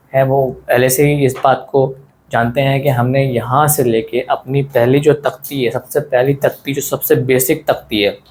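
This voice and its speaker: A man's voice: medium pitch, a little mellow, a little hiss or hum. Guy teaching an online class, chatty and easygoing, keeps asking then answering himself. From South Asia. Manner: friendly, repeats points, asks and answers his own questions. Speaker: Quran teacher. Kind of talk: casual online lesson.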